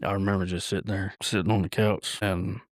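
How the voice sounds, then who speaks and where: Guy on a podcast, kinda low voice, stops and restarts a lot, dry close sound. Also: level tone, dry recording. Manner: halting, with many restarts and fillers. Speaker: podcast guest. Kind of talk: personal storytelling in an interview.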